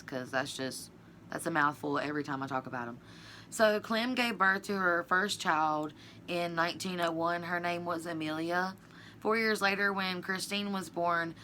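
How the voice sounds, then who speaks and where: A woman with a bright, forceful tone tells a dark story at an unhurried pace. Her delivery is loose and chatty, padded with fillers, and she swears bluntly now and then. Her voice sits a little low for a woman. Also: a little hiss or hum. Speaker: video creator. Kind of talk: casual true-crime storytelling.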